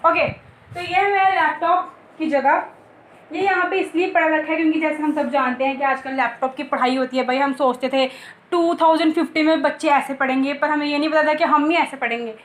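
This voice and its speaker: A woman's voice: high-pitched, steady tone, brisk, echoey room, a little hiss or hum, low-quality recording. A young woman giving a casual home tour, chatty and joking, talking straight to her viewers. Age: young adult. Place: rooms of a home, indoors.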